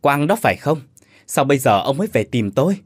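A hearty old village herbal doctor, put on by a male narrator talks in big exclamations. His pitch leaps widely. The sound is close and dry. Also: big pitch swings, a little fast, husky, dry recording. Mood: cordial.

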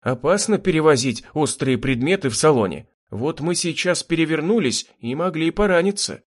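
A man's voice: a little high, expressive, normal speed, pitched above the performer's own voice. A man voicing a timid, apologetic young engineer in an audiobook. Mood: defensive. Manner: defensive, apologetic.

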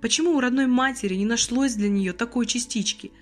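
A woman narrating an audiobook in an expressive storytelling manner. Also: on the high side, a little fast, soft background music.

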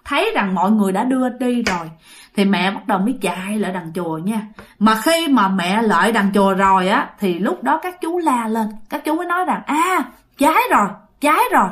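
A woman's voice: medium pitch, lively intonation, fairly quick. A woman with a Southern Vietnamese accent telling a ghost story, chatty and speaking straight to her listeners. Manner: chatty, addresses listeners directly.

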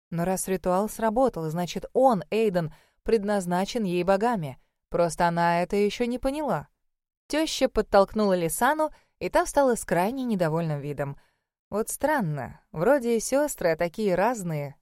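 A woman reads an audiobook in a measured, expressive way at a middle pitch. The recording is close and completely dry. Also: dry recording. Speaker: audiobook narrator. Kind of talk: scripted narration.

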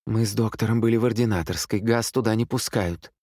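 A man voicing a frightened young woman nurse who pleads in a raised, high voice. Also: brisk, darkish tone, dry recording, clean studio sound, lightly acted. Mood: wary.

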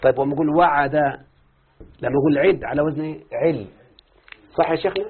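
Brief: fast-talking Egyptian sheikh teaching grammar, husky voice, tinny phone-like sound. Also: male voice, on the high side. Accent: Egyptian Arabic. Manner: lively, constantly quizzing students with rhetorical questions. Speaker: teacher of Arabic morphology. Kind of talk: classroom lesson.

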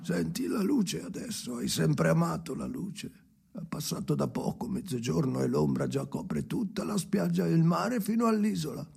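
An actor plays Henry, a haunted, restless man talking to his dead father, in an avant-garde radio drama monologue, using a full character voice that is a little high, gravelly and creaky with big pitch swings. Brooding and confiding, he delivers it theatrically and obsessively, halting and swinging from murmurs to shouts. A little hiss or hum is audible.

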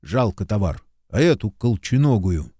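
A man's voice: lowish voice, very animated, moderate pace, warm tone, husky, no room sound, clean studio sound. A man voicing a coarse, cynical male corporal in an audiobook, talking in a mocking, crude way.

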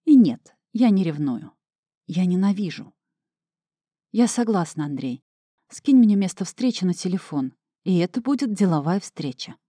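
A woman's voice: lowish voice, sing-song, moderate pace, warm tone, no room sound, studio quality. A woman narrating a first-person novel as an audiobook, with an emotional, emphatic delivery.

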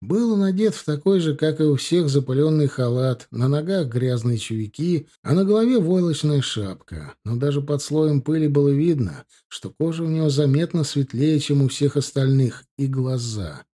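Мужчина читает аудиокнигу, мягкий голос. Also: male voice, on the high side, lively intonation, moderate pace, hardly any pauses, dark tone. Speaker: audiobook narrator. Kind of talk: audiobook narration with character voices.

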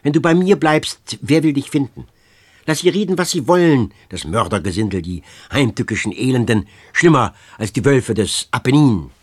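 A man's voice: mid-range voice, sing-song, normal speed, slightly rough. A man doing a desperate young woman, Fenice. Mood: pleading. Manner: pleading, rising into loud outbursts. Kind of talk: audiobook reading.

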